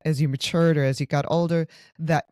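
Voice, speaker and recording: A woman hosting a podcast, introducing her guest and asking gentle questions. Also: sits low, fairly even intonation, fairly quick, no echo, studio quality. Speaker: podcast host. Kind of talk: podcast interview.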